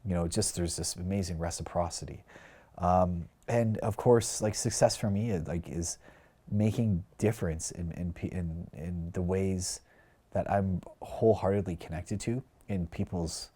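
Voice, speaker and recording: Deep husky man, earnest and reflective. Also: a little slow, mellow. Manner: earnest, heartfelt, filler-heavy with "like" and "you know". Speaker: podcast guest, career coach. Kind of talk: reflective casual conversation.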